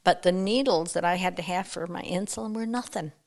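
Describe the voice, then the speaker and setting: An older woman as a podcast guest, talking casually in a halting way, often trailing off and restarting. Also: lowish voice, darkish tone. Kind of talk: casual interview chat.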